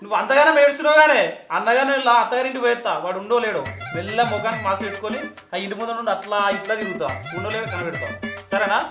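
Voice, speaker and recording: A high, rapid voice of a young village son, played by a man, joking and offhand. His voice rings in an echoey room. Music plays behind him. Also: natural voice.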